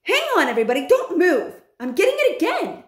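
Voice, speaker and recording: A woman's voice: sits high, very animated, unhurried, voice pushed up. A tall witch shrieks urgently in a piercing, leaping voice, performed by a woman reading aloud. The sound bounces around an echoey room.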